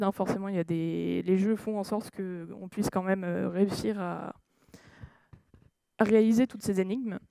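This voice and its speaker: Her voice is mid-range, dark, and clean, and the recording has no room sound. Speaking at a conference in a conference room, she hesitates, corrects herself, and uses lots of fillers. She keeps the audience involved with questions, checking in as she goes.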